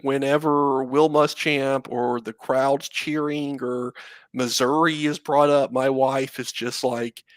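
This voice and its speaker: A man's voice: mid-range voice, little pitch movement, slow pace, dry recording. A man in his thirties co-hosting a sports podcast, chatting casually and rambling with lots of fillers and asides. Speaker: podcast co-host, Florida fan.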